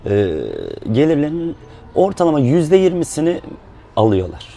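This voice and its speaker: A man speaking in a relaxed, explanatory way, with fillers, as a musician guest in a casual chat. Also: fairly high pitch, moderate pace.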